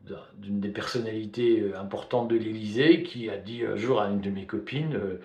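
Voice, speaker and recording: A man's voice: on the low side, normal speed, darkish tone. A man from Belgium, giving spoken video commentary in a hesitant way, full of fillers and restarts. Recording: roomy echo.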